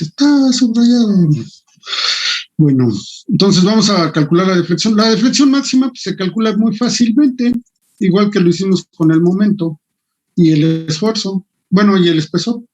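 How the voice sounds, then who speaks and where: A man's voice: sits high, moderate pace, vocal fry, a little mellow, dull audio. A man teaching an online engineering class, thinking aloud and muttering to himself as he works on screen. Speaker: engineering lecturer.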